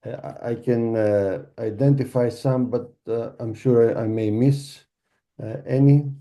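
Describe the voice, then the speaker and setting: Slow, dark-voiced man hosting a call. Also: medium pitch, steady tone. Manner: hesitant, many fillers. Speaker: meeting host. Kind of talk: casual online meeting chat. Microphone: video call.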